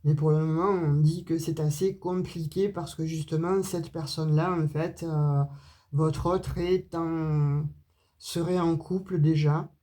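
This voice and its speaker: A woman's voice: sits low, fairly even intonation, unhurried, warm tone. A woman with a southern French accent giving a chatty card reading to her viewers, with plenty of hesitations and asides. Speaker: astrology and tarot reader. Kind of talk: casual spoken card reading to camera.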